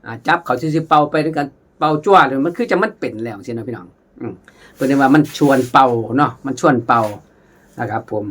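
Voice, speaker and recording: A man's voice: mid-range voice, lively intonation, fast, a bit bright. Chatty Isan-accented man teaching khaen. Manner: chatty, addresses viewers as brothers and sisters; vocalizes melodies with syllables. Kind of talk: casual spoken lesson.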